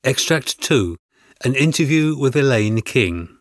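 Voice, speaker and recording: A man reading a scripted interview with measured, announcer-like delivery, introducing each extract and asking the questions. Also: medium pitch, lively intonation, no room sound, clean studio sound. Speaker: interviewer and exam narrator.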